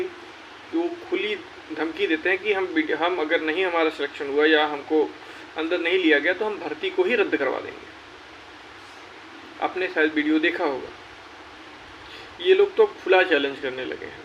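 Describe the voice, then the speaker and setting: Speaking on his own YouTube channel, a young man delivers a rallying address calling on job candidates to join the fight, driving points home through repetition. He talks at a moderate pace with a fairly high, fairly bright voice and a steady tone. The audio is dull and lo-fi, carrying a faint hiss.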